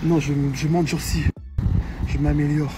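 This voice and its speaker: A man's voice: a little high, little pitch movement, a little slow. A man answering earnestly in casual chat.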